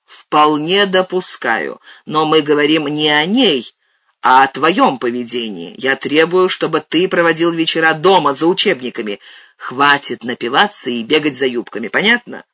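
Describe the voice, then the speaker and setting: A man's voice: on the high side, animated, moderate pace, pushed and bright, no room sound. A man reading aloud and voicing an irritable older brother, a vet who barks and lectures. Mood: scolding. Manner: scolding, barking.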